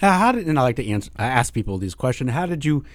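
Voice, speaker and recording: A man's voice: medium pitch, sing-song, fast, dry recording. A man hosting a radio talk show in a studio, enthusiastically introducing his guest and asking him questions.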